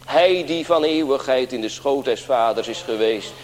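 A man delivering an earnest sermon from the pulpit, turning again and again to speak straight to his congregation. His mid-pitched voice carries a long church reverb that hangs behind every phrase. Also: normal speed. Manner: earnest preaching, often addressing the congregation directly. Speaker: pastor.

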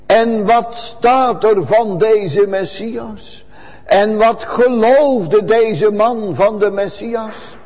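A man preaching a sermon to a church congregation, in a slow and solemn cadence. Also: high-pitched, big-room sound, lo-fi sound. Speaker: pastor.

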